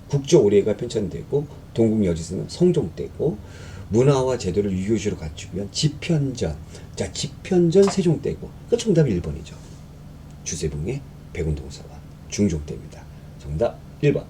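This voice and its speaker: This history exam-prep lecture comes from a man with a lowish, mellow voice who reads out questions and talks through them, using fillers and rhetorical questions. There is a little hiss or hum.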